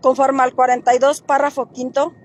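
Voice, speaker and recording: A woman filming high-voiced Mexican activist confronting an officer. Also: flat delivery, a little hiss or hum. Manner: halting, many fillers, addresses viewers directly. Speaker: citizen activist filming police. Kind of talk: confrontational street livestream. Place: outdoors on a street.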